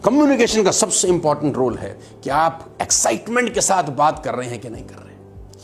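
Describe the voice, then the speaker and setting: A man giving a motivational talk to camera, animated and storytelling, with acted quotes and jokes. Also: on the high side, fairly quick, a little hiss or hum. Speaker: motivational speaker and video creator.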